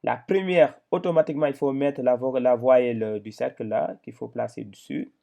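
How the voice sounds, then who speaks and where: A man teaching Quran reading in a patient, step-by-step lesson, sounding out syllables one by one with frequent pauses and hesitations. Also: medium pitch, steady tone, creaky, mellow. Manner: patient, repeats syllables aloud slowly with many hesitations.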